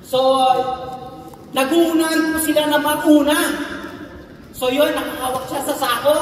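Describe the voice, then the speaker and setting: A man's voice: extremely high pitch, a bit bright, slight background noise. A male pastor with a Filipino accent preaching a sermon, often asking the congregation "no?" and mixing in English phrases. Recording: far-off voice in a long echoey hall.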